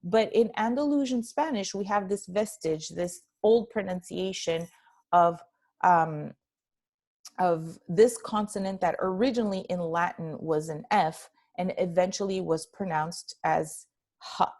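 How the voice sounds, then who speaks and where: A woman's voice: on the low side, a little mellow. A woman teaching Spanish phonetics in a recorded lecture, moving between Spanish and English and repeating example words to model how they sound. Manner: explains slowly, switching between Spanish and English. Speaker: Spanish language instructor.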